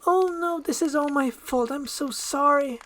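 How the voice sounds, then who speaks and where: A woman voicing a spirited, proper young princess with an earnest, brisk, exclaiming manner in a fairy-tale reading. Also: high voice, a bit bright, slight background noise, voice pushed up. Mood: apologetic, urgent.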